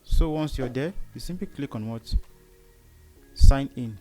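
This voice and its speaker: Over music, a tutorial host with a Cameroonian accent walks through a screen process step by step. His mid-range voice is unhurried, and he keeps asking short questions only to answer them himself.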